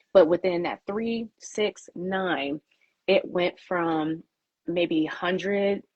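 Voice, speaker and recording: A woman's voice: on the low side, breathy edge, no room sound. A woman publicist answering interview questions, emphatic and repeating her key points.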